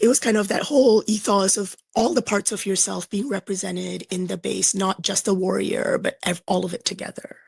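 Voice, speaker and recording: A woman from Singapore, a guest in a casual interview, telling stories in an animated way with lots of "like" fillers. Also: mid-range voice, gravelly, slightly rough, dry recording. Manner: animated storyteller, frequent "like" fillers. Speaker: guest, game player.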